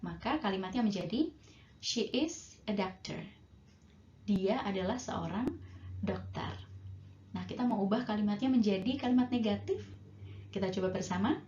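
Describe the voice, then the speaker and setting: A woman teaching English grammar in a patient, slow way, stretching out each example sentence. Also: mid-range voice, darkish tone. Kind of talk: bilingual grammar lesson. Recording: roomy, dull lo-fi sound with faint noise.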